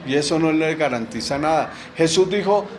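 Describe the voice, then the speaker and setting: A man's voice: fairly high pitch, animated, normal speed, a little mellow, poor audio. A middle-aged man preaching a sermon in a church, asking rhetorical questions and answering them with emphasis.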